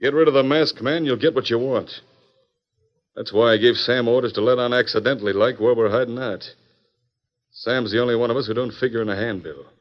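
An actor playing a stern, scheming outlaw gang leader in an old-time western drama, commanding and full of folksy frontier slang. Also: male voice, mid-range voice, brisk, close to an everyday voice. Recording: dull lo-fi vintage recording.

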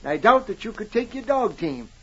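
An actor playing a friendly old backwoods prospector with folksy, rustic talk in an old radio adventure. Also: male voice, high voice, big pitch swings, moderate pace, breathy edge, heavily acted. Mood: hospitable, folksy. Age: older. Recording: dull, noisy old radio recording.

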